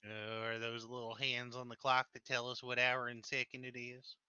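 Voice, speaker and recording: A man playing a good-natured, uneducated country man who is earnest and slow on the uptake, recorded on a clipping mic. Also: mid-range voice, completely flat delivery, bright, forceful tone, clean tone, no room sound, dull audio. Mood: puzzled, eager.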